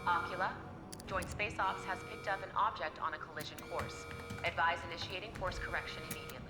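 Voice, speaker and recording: An actress playing a composed mission controller, heard over a radio comm link, speaking in clipped procedural radio talk. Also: female voice, lowish voice, fast, music in the background. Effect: transmitted over a radio comm link. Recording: echoey, reverberant, loud score behind.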